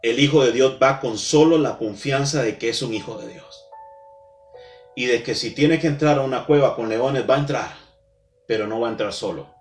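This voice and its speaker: Preaching man in an echoey room. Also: medium pitch. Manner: dramatic pauses, slows for emphasis, addresses the congregation directly. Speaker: pastor. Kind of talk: sermon. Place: church. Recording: echoey room with soft music behind.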